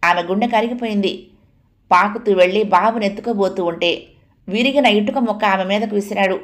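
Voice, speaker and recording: A woman reading a novel aloud as dramatic, expressive audiobook narration. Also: mid-range voice, fairly quick.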